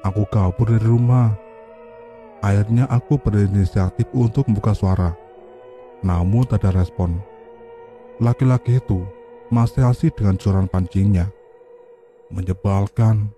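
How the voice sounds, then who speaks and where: A man narrating a horror story, reading in a steady, even storytelling way. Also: lowish voice, moderate pace, pauses often, faint music behind. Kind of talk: scripted narration.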